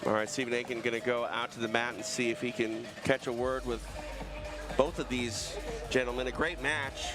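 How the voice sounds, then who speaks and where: A man's voice: mid-range voice, flat delivery, normal speed, over music. A man calling a live grappling event as play-by-play commentator, upbeat and tossing to the mat announcer.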